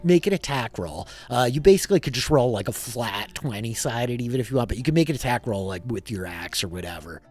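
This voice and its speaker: A man running a tabletop fantasy game as game master, narrating in a hushed, tense way with many fillers. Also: mid-range voice, animated, quick pace, few pauses.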